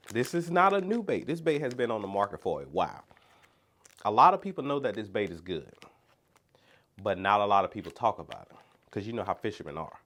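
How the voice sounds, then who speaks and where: A man's voice: lowish voice, fairly bright tone. A congested man, talking through his nose, who hosts a fishing channel and rambles chattily through a casual unboxing vlog.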